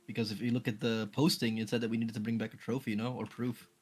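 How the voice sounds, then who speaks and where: A man's voice: fairly low pitch, level tone, fast talker, a little mellow, slightly rough. A man joking around casually as a player in a tabletop game.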